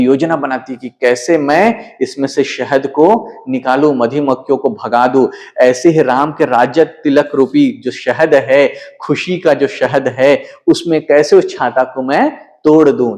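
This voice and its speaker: A male teacher giving a literature lecture, reciting verses slowly and then explaining them with frequent checking asides. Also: medium pitch, darkish tone.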